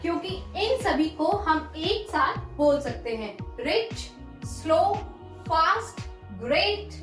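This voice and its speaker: Slow, high-voiced woman teaching grammar. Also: sing-song, reverberant, music in the background, low-quality recording. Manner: slow, deliberate dictation of word forms. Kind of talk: Hindi-English grammar lesson.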